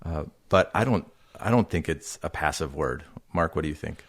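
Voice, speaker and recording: A man's voice: rumbling low, lively intonation, moderate pace. A man hosting a casual ministry podcast discussion, easygoing and asking his co-hosts questions.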